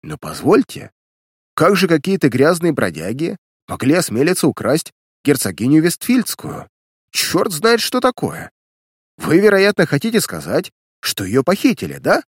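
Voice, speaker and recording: A man voicing a hot-tempered older millionaire who bursts out loudly and indignantly in a storybook reading. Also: medium pitch, sing-song, normal speed, breathy edge, dry recording, studio quality. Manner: loud, indignant outbursts.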